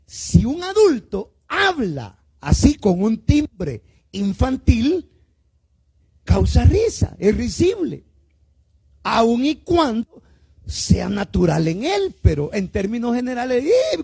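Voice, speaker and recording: A man's voice: very high-pitched, big pitch swings, vocal fry, husky. A male pastor with a Salvadoran Spanish accent preaching a sermon, asking the congregation questions and calling them "hermano", stretching out words for emphasis. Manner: drawn-out emphatic words, swinging between loud and quiet. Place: church service.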